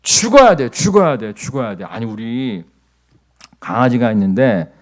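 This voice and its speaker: A middle-aged male pastor delivers a chatty, animated sermon in a church. He keeps asking the congregation to answer back and builds to loud, repeated emphasis. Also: mid-range voice, normal speed. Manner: asks the congregation for responses. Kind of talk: lively conversational sermon. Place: church sanctuary.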